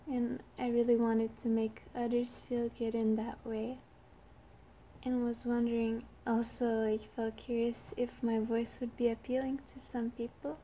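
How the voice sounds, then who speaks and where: A young woman with a youthful, lightly high voice and a Quebec French accent from her native French. She talks slowly in a casual, shy, hesitant way, as if chatting to her listeners. Some background noise sits behind her. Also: flat delivery, mellow. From Canada. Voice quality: youthful-sounding voice. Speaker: amateur audio creator.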